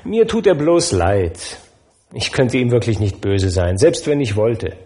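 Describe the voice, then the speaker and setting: A man reading aloud, voicing a cheerful, good-natured young nephew at a holiday dinner with a warm, emphatic manner. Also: medium pitch, sing-song, measured pace. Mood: amused.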